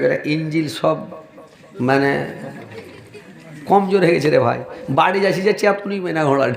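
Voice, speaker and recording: A male preacher giving a humorous sermon at a large outdoor gathering, teasing the audience and asking for donations over a loudspeaker. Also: sits high. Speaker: Islamic preacher. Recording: echoey public-address sound at a crowded gathering.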